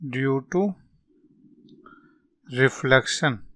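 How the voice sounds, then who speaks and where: A man with a North Indian accent teaching as a physics tutor, working through solutions step by step in short, halting phrases as he dictates. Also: medium pitch, sharp tone, dry recording. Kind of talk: step-by-step lesson, reading out worked solutions.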